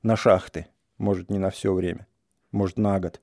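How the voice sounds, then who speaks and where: A restless young village man, bitter and mocking, his talk rising into heated outbursts, as a male reader puts him on. The voice is low and mellow. It is recorded dry and close. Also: fairly even intonation, normal speed, dry recording.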